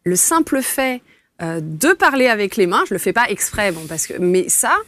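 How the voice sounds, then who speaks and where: A woman in her forties, a dietitian, explaining in a lively way with frequent hesitations and fillers in a casual interview. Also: mid-range voice, normal speed, dry recording. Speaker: dietitian guest.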